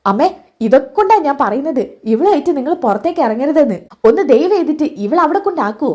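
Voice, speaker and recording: A woman voicing a sharp-tongued young woman who coldly rejects her own child, snapping scornful retorts. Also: high voice, animated, quick pace. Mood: angry.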